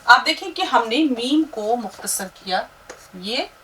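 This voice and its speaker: A woman teaching an Urdu lesson who spells out letters slowly and patiently, talking directly to her learners and asking them to repeat after her. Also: on the high side, lively intonation, sharp tone, far from the mic, a little hiss or hum, poor audio.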